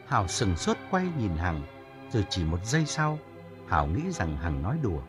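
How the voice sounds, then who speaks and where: A man narrating an audiobook story in a calm storytelling manner. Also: deep voice, normal speed, music in the background.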